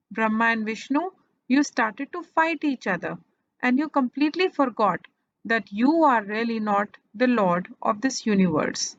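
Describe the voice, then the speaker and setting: A woman reads scripture aloud at a very slow, deliberate pace, her voice pitched a little high. The sound is dry and slightly dull, with no room around it. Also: no room sound. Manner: slow, deliberate retelling with pauses. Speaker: scripture reader. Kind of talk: measured devotional narration.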